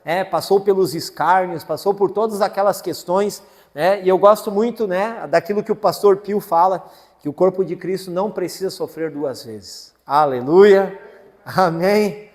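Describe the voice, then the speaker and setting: Preaching in a church whose hall rings with long reverb, the pastor speaks at a moderate pace in a high, slightly mellow voice. He shares a family story folksily, frequently adding tag questions.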